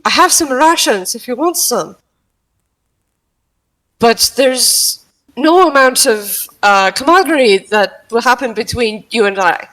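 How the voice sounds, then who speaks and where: A woman playing her character in a tabletop game, hesitant and polite, with many pauses and "uh"s. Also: fairly high pitch, expressive, fairly bright tone, poor audio. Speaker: player. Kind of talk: in-character tabletop role-play.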